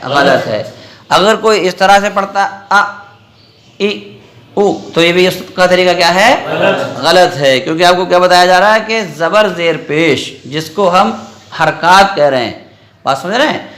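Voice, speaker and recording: A man teaches a recitation lesson in a madrasa classroom, with a voice pitched a little higher than most men's. He drills syllables step by step and keeps asking the class whether they follow. The room gives his voice a strong echo. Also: animated, moderate pace, fairly bright tone. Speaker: Quran reading teacher. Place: madrasa classroom with students present. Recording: roomy echoey classroom.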